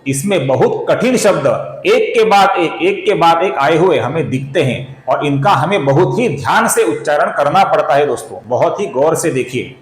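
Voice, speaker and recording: A man teaching the correct pronunciation of a Sanskrit verse, explaining earnestly and chanting words slowly, with soft music behind him. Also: fairly high pitch, expressive, echoey room, poor audio. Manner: addresses viewers as friends, earnest explaining. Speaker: spiritual YouTube teacher. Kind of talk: Sanskrit recitation lesson.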